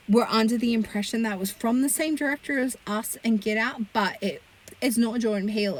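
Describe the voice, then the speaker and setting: A woman's voice: mid-range voice, poor audio. A woman reviewing movies in a casual, blunt rant, exasperated and swearing freely. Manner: chatty with frequent fillers.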